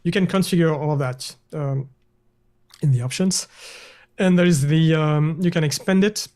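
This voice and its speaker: At a moderate pace and with a somewhat high voice, a man guesting as a developer leads a screen-share software demo over a video call. He hesitates often, restarting sentences and leaning on fillers.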